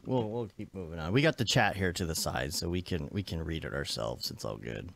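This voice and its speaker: A man's voice: deep voice, animated, fairly quick, gravelly, a bit bright. A man hosting a live stream, chatting in a laid-back way that trails off into mumbles. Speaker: host. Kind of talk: casual live-stream chat.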